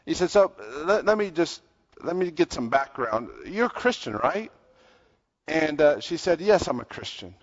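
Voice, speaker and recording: A high-voiced man preaches a sermon in earnest, emphatic bursts. He stumbles into fillers and restarts as he works through his points. The recording is muffled and rings with a long hall reverb. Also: big pitch swings, normal speed.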